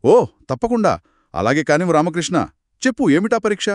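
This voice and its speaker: A man voicing a king in a told children's story, speaking in a warm, praising royal tone. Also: mid-range voice, animated, normal speed, no room sound, clean studio sound, close to an everyday voice. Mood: curious. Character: a king, grand and pleased.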